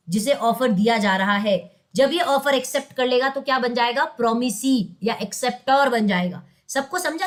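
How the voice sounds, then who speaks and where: Young Indian woman, law tutor, high voice, chatty and coaxing with her students. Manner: mixes English terms into Hindi, quizzes students. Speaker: law teacher. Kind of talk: online class lecture.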